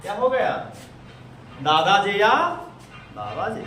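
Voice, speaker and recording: A man's voice: high voice, very animated, takes it slowly, a bit bright, distant mic, slight background noise. A man with a Bihari accent teaching English to a class, asking his students questions again and again. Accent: Bihari Hindi. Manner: quizzing students with repeated questions. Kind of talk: classroom lesson. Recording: echoey classroom, voice from across the room.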